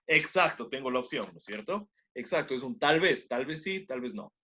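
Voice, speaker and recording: A man's voice: mid-range voice, lively intonation, normal speed, bright, forceful tone. A man teaching an online class, explaining a point step by step and often checking in with his students by asking questions. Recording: dull lo-fi online class audio.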